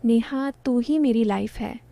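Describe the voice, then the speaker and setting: A woman's voice: fairly high pitch, unhurried, vocal fry, dark tone, dry recording. A woman voicing a teasing young man.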